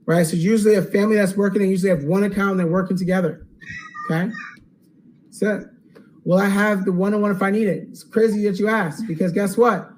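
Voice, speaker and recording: A man hosting a live webinar Q&A, upbeat and salesy, checking in with "okay?" and going hoarse. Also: high-pitched, fairly even intonation, fast, a little mellow, a little hiss or hum, poor audio. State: losing his voice. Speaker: online course host.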